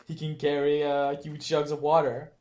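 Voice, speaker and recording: A man's voice: fairly high pitch, completely flat delivery, normal speed, darkish tone. Jokey, sweary co-commentator man. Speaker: game co-commentator. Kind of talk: casual gameplay commentary.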